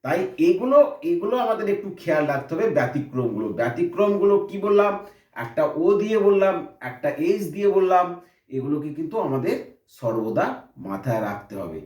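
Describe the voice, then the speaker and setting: A man's voice: high-pitched, sing-song, fairly quick, darkish tone, roomy sound, far from the mic. A man teaching an English grammar lesson, explaining step by step and asking and answering his own questions.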